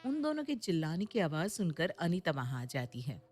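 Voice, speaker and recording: A woman's voice: on the low side, big pitch swings, fairly quick, darkish tone, breathy edge, dry recording, soft background music. Woman narrating a bedtime story.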